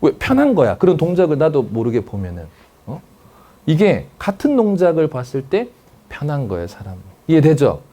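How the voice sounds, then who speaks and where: A man's voice: fairly high pitch, huge pitch swings, normal speed, mellow. A man giving a lecture to parents as a counselor, acting out family dialogues and often checking that the audience follows.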